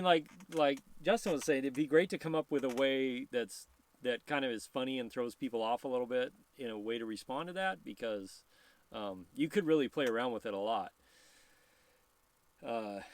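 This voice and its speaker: A man hosting a casual live stream, rambling, laughing often and reading viewer questions aloud. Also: medium pitch.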